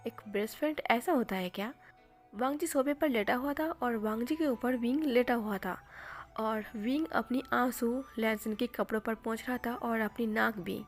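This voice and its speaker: A woman storyteller retelling a fan fiction story in a plain, steady way. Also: on the high side.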